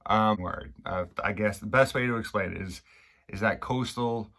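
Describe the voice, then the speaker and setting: Bright-voiced man with a Maine accent. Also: fairly low pitch. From Maine, United States. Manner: halting, rambling, repeats and restarts phrases. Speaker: video maker explaining local slang. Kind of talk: casual unscripted explainer chat.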